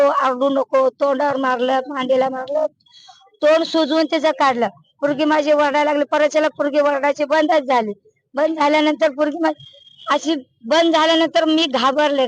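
Woman giving testimony, high pitch, flat delivery, halting and repetitive, colloquial. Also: no echo, low-quality recording. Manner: halting and repetitive, restarts words; colloquial Marathi speech. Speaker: mother of a deceased patient. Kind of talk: emotional testimony to a reporter.

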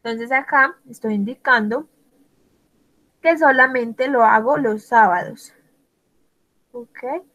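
Woman english teacher, talks super slow, spells every word out, kinda high voice. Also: fairly bright tone, highs cut off. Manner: slow, deliberate, spells letters one by one. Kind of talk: bilingual language lesson, spelling words aloud.

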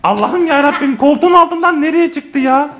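Excitable high-voiced man vlogging at home. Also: fairly quick, noisy background. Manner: excitable, exclamatory, chatty. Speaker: family vlogger. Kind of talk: casual home vlog addressing viewers. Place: home living room with a sofa. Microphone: handheld camera.

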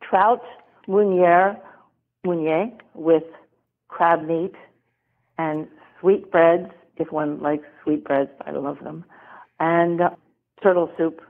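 A middle-aged woman, a former model, chatting as an interview guest, rambling and laughing often. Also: sits low. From American South. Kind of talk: casual interview talk. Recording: tinny phone-line sound.

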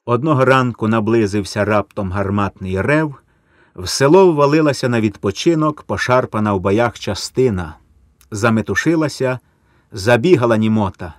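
A man's voice: mid-range voice, no echo. Solemn male storyteller, dry close voice. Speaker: narrator. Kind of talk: literary story reading.

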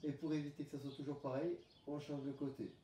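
Though his coaching stays calm, this pilates instructor talks fast in a medium-pitched voice, calling out breaths and movements for a class in a room at home. A distant camera mic gives a roomy sound with slight hiss or hum.

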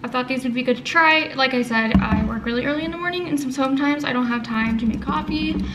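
A young American woman with a high-pitched voice talks fast in a chatty, informal vlog. She records at home indoors, in a small bedroom and kitchen, with a whirring room fan making steady noise in the background.

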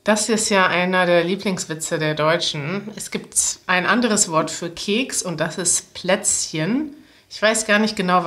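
Slow-paced woman teacher explaining things. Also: fairly low pitch, a bit bright. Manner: clear step-by-step explaining. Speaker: language teacher and presenter. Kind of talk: explaining jokes to language learners. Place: small room indoors, seated at a table.

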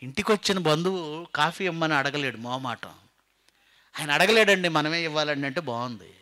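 A middle-aged man preaching a sermon, firing rhetorical questions and swinging from loud exclamations to quiet asides. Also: on the high side, expressive, normal speed.

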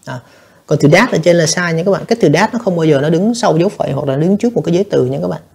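Speaking very fast with vocal fry and a breathy edge, a male English teacher with a somewhat high, expressive voice goes over exam answers step by step. He keeps speaking directly to his students, explaining as he goes and using plenty of fillers.

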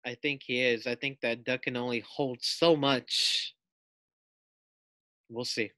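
Reading a children's story in the manner of a teacher, this American man poses questions to the young audience with expressive narration. He speaks slowly at medium pitch with a steady, bright, forceful tone, and there's no echo.

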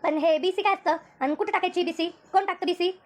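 A woman voicing a curious, touchy village friend in a cartoon who chats quickly. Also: very high-pitched, steady tone, a little hiss or hum. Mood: defensive.

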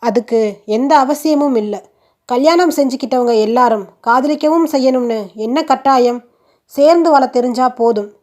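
A woman's voice: high voice, normal speed, a little mellow, natural voice. A woman voicing a young man in love, who talks in a persuasive, lightly teasing way. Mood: earnest.

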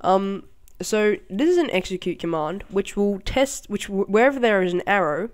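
An excitable host talks through a game tutorial in a loose, chatty way, often breaking into laughter and startled exclamations. The talk rambles and is full of fillers. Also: medium pitch, moderate pace, clean tone. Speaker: channel host. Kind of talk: casual game tutorial commentary.

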